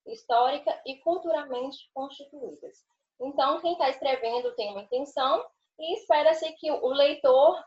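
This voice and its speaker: A woman's voice: sits high, darkish tone. A Brazilian Portuguese-speaking woman giving a student seminar presentation, reading a quotation and then explaining it. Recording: roomy, dull lo-fi call audio.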